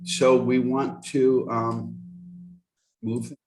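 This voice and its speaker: A man leading a teaching workshop as a casual live software demo, thinking aloud and correcting himself as he goes, heard over a video call. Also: mid-range voice, level tone, very slow, a little hiss or hum.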